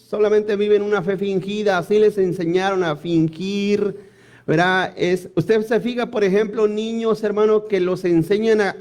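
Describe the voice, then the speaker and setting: A man's voice: sits high, a little mellow. A male preacher delivering a sermon, often calling his listeners brothers and breaking off into asides and restarts.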